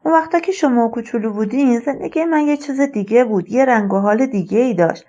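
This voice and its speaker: A woman voicing an elderly retired male colonel, a rambling and wistful father who speaks slowly and musingly. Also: on the high side, mellow, dull audio, close to an everyday voice.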